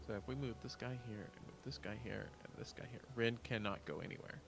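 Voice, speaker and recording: A man's voice: fairly low pitch, creaky, soft background music. Man running a tabletop game. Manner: laughing, halting with fillers. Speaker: game master.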